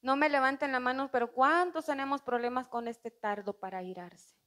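Mujer predicadora de voz aguda, fervorosa. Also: female voice, high-pitched, moderate pace, fairly bright tone. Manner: earnest, questions the congregation, acts out prayers. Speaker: preacher. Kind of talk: sermon. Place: church.

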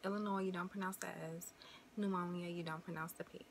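A woman's voice: fairly low pitch, little pitch movement, quick pace, a little hiss or hum. A woman in her twenties from the American Midwest, chatting casually to camera as a vlogger, rambling and friendly with lots of fillers. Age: 20s. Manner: chatty, rambling, uses y'all and you know.

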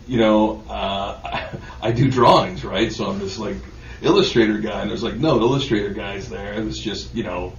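A relaxed man chatting as a radio guest, slow and a little low, laughing often. The studio sound is roomy and dull. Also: far from the mic, slight background noise. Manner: relaxed, laughing, filler-heavy. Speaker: guest artist. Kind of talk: casual radio interview.

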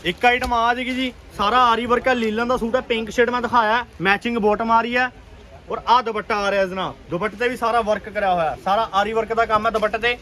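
A man with a Punjabi accent giving an urgent, repetitive, enthusiastic sales pitch as a shop seller on an online video. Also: steady tone, fast talker, sharp tone. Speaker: clothing shop seller presenting stock. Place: busy clothing shop.

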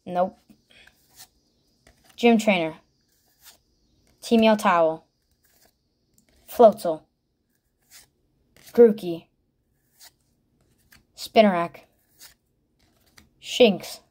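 A woman's voice: mid-range voice, very slow, long pauses, darkish tone. A woman vlogger giving casual unboxing commentary, calling out each card by name in short bursts and thinking aloud between them. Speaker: vlogger opening trading card packs.

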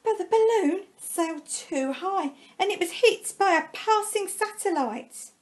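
A primary school staff member with a high voice reads a storybook aloud to young children. She goes slowly and expressively, stretching key words and pausing dramatically between phrases.

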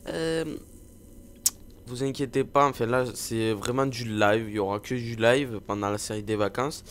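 A man's voice: mid-range voice, fairly even intonation, moderate pace, a bit bright, a little hiss or hum. A young man giving rambling, playful live commentary over a video game, with lots of fillers and jokes at his own expense. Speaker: gaming video host.

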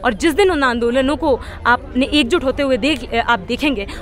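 A woman's voice: sits high, normal speed, fairly bright tone. A young woman activist gives an impassioned interview at an outdoor street protest, speaking into several press mics with rhetorical force and frequent restarts. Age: young adult. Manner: fiery, rhetorical, many fillers and restarts. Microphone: several handheld press mics held close.

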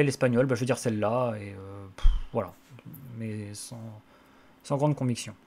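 Guy doing a podcast q&a, lots of ums and restarts, blunt opinions, normal mid voice. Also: mid-range voice. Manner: hesitant, frequent fillers and restarts, blunt opinions. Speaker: podcast host answering listener questions. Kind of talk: casual spoken monologue.

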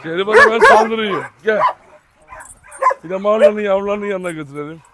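A man's voice: high voice, very animated, brisk. A man running a casual farm vlog, calling and coaxing his dogs while talking to viewers. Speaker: dog breeder vlogger. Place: outdoor farm with dog cages. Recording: loud background noise and barking dogs.

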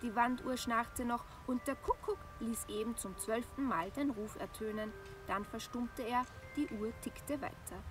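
A woman's voice: a little high, a little slow, hardly any pauses. A woman reading a fairy tale aloud expressively for children. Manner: expressive, acts out voices in dialogue. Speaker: storyteller. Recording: distant with background music.

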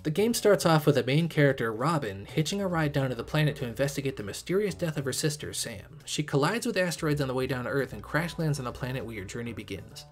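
A man's voice: medium pitch, expressive, fast, hardly any pauses, soft background music. A young man narrating a scripted game review video essay in a critical, emphatic way. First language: English. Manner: critical, emphatic, occasionally sarcastic.

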